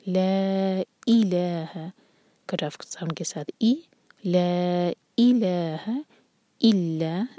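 A woman teaching tajweed, reciting words slowly and drawn out, then explaining the rules in a soft, often whispery voice. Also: on the low side, breathy edge. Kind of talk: tajweed lesson, slow demonstrations then explanation.

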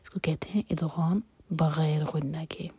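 A woman with a very breathy, husky voice, set low and mellow, teaching a whispered tajweed lesson. She murmurs each rule quickly, then draws the verse out slowly in a soft voice. The recording is dry and close. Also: steady tone, no echo. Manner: whispers explanations, recites verses slowly and aloud. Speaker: Quran recitation teacher.

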